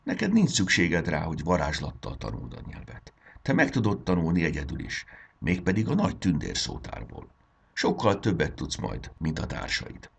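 A man voicing the gentle fairy queen of a storybook. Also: low-pitched, huge pitch swings, gravelly, a little hiss or hum, heavily acted. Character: kind wise fairy queen, gentle woman.

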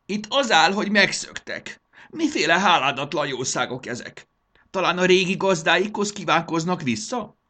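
A man's voice: mid-range voice, sing-song, sharp tone, voice pushed up. A man reading a storybook aloud and voicing a hysterical, petulant male ruler who shrieks, sobs and whines. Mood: shrill distress. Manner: shrieking, sobbing, manic laughter.

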